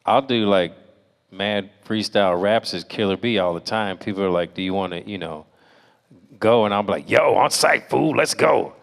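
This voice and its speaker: A male voice actor answering fan questions on a convention panel, animated and playful. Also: deep voice, moderate pace. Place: large convention hall. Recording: echoey convention hall.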